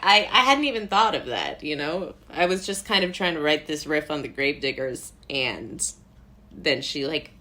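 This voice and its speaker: Speaking at a normal speed in a deep voice, a playwright, director and actor from Brooklyn, New York, rambles casually as an interview guest. Her American talk is full of "like," with lively asides that she interrupts with her own laughter.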